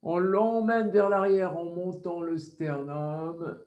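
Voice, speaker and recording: A man with a French accent guiding a yoga class over a video call, giving slow, calm breathing cues. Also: high-pitched, muffled recording. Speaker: yoga teacher.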